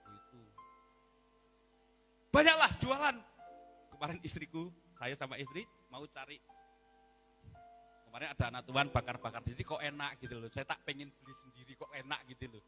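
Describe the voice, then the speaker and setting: A male pastor with a Javanese accent delivers a sermon with a bright, high, swooping voice. He jokes freely, and faint church instrument music plays behind him. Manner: animated, joking, acts out quoted voices. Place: church service.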